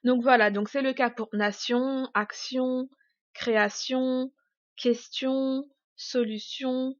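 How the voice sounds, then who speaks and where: A woman with a fairly high voice gives a casual online lesson, chatty, with lots of fillers and self-corrections. She slows down to stress example words. The recording sounds dull and dry. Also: no room sound. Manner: chatty, many fillers and restarts. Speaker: English teacher. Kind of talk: YouTube pronunciation lesson.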